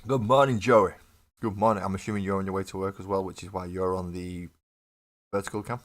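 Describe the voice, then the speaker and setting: Hosting a model painting livestream, a man talks to his chat as he builds, laughing often and coughing from the morning. His deep voice is brisk with fairly even intonation, and his manner is chatty.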